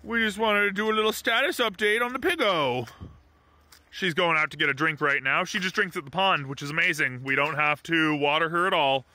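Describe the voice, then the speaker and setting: A man's voice: a little high, a little fast, pushed and bright, dry recording. A man casually narrating a farm vlog from behind the camera outdoors, chatty and rambling. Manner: chatty, rambling, affectionate toward the animal. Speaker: farm vlogger.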